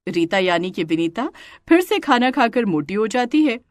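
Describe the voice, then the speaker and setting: A woman's voice: fairly high pitch, normal speed, no room sound. Woman narrating a storybook. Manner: even, explanatory storytelling.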